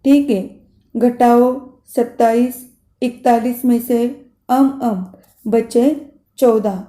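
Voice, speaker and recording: A woman's voice: a little high, fairly even intonation, takes it slowly, dark tone. A woman voicing a stern, stingy male house master who scolds and counts off deductions, in an echoey room.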